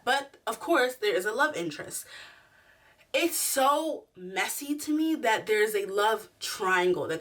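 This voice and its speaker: A woman giving a chatty, slangy video review in an animated, giggly, tipsy, rambling way. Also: fairly high pitch, recorded from a distance. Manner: animated, slangy, acts out quotes. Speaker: reviewer hosting a show review.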